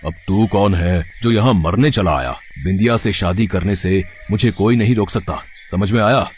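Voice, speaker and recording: A man's voice: lowish voice, normal speed, a little mellow, slight background noise, lightly acted. A man voicing a brutish young village thug in a cartoon story, threatening and boastful. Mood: menacing.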